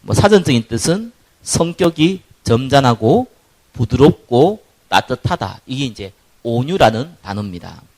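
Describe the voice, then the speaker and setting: Gravelly pastor with a Gyeongsang accent. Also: male voice, medium pitch, normal speed. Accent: Gyeongsang Korean. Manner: lively preaching that swings from loud stress to quiet asides, acting out quoted people. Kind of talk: sermon.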